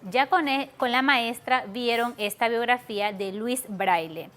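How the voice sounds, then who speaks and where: Female teacher, TV lesson for kids; patient, stretches words; high, bright tone. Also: unhurried. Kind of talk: televised class for schoolchildren.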